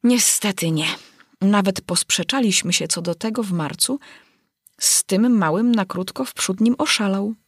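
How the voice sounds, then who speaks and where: A woman's voice: medium pitch, normal speed, breathy edge, dry recording. Woman doing a rambling whimsical hatter. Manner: rambling, sing-song.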